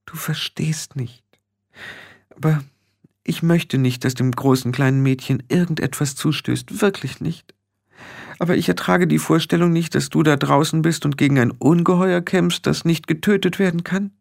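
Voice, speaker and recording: Ein Mann spricht eine kleine, besorgte Clanchefin mit schriller, schimpfender Stimme. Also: male voice, fairly even intonation, brisk, darkish tone, lightly acted. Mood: tearful. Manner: shrill, worried and scolding. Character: anxious, fussy little fairy-clan matriarch woman.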